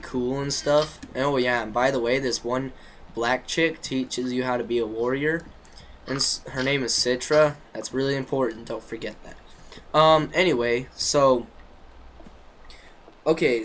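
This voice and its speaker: A man's voice: medium pitch, fairly bright tone, slight background noise, poor audio. A man casually recapping a video game's story, rambling with lots of fillers, restarts and slangy jokes. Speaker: gaming video creator.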